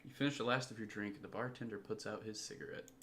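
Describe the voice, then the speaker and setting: A man's voice: fairly low pitch, fairly even intonation, fast talker, a bit bright, a little hiss or hum. A man streaming a visual novel, reading the narration aloud in a wry, playful way. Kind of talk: casual reading and joking.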